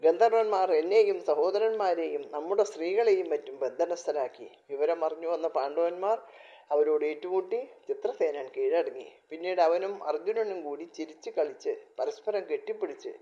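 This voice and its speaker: Shamed despairing king, read by a man, quiet and heavy, mellow tone, muffled audio. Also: fairly high pitch, moderate pace, natural voice.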